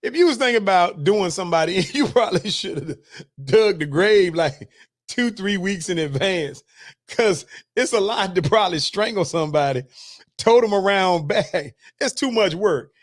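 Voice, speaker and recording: High-pitched man ranting on a livestream. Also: expressive, moderate pace. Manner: wry, preachy, jokes and laughs between points, reads comments aloud. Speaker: host. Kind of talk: casual commentary reading news and chat comments.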